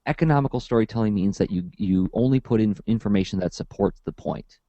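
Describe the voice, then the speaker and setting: A man who teaches comics workshops talks casually and at length, telling stories and acting out the people in them in an animated, verbose way. His voice is on the low side and he talks fast. The recording is dry and dull.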